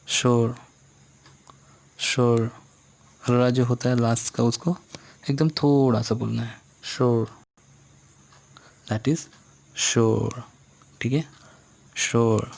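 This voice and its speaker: Guy teaching a class exercise, super slow, drags words out and repeats them. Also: mid-range voice, fairly even intonation, creaky, darkish tone, breathy edge. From India. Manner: slow, drawn-out, mixes Hindi and English, repeats words for drill. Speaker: English teacher. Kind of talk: textbook exercise lesson.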